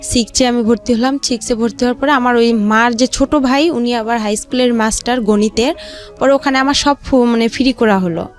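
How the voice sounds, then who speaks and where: With background music playing, a fairly high-pitched, fairly quick-speaking woman from Rangpur, Bangladesh, tells her life story in a loose, rambling, step-by-step way during an informal interview.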